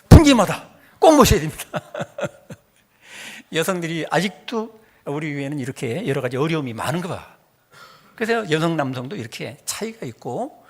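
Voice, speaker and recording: A middle-aged male pastor delivering a sermon, telling humorous stories and acting out quoted dialogue. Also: high-pitched. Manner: animated, humorous storytelling with acted dialect quotes.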